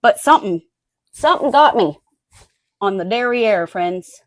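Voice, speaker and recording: A woman co-hosting a live true crime show, joking and chatting casually with quick quips. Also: medium pitch, expressive, no echo. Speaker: true crime podcast co-host. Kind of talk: casual chat, live stream.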